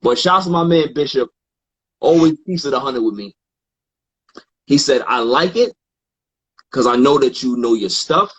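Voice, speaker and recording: A man guesting on a podcast, telling stories in a relaxed, casual way and acting out what others said. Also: medium pitch, moderate pace, pauses often, slightly rough. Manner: relaxed, quotes others in animated asides, frequent fillers. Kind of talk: casual storytelling in conversation.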